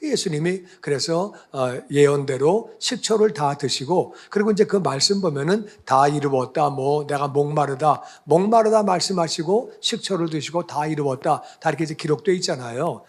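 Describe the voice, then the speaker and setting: A man's voice: on the high side, moderate pace, hardly any pauses, a little mellow, breathy edge. A male pastor giving a conversational sermon, often asking the congregation questions.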